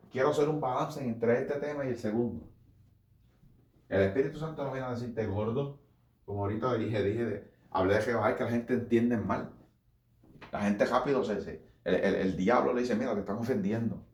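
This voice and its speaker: A man's voice: mid-range voice, a little mellow, reverberant. A man giving an informal sermon, talking conversationally, repeating phrases and calling his listeners brother. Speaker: preacher.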